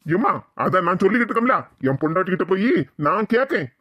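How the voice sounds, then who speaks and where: A woman's voice: medium pitch, expressive, fast, sharp tone, no room sound. A woman voicing a harried grown son who placates his mother and sister, with a Tirunelveli Tamil accent. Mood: placating. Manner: placating, fretful.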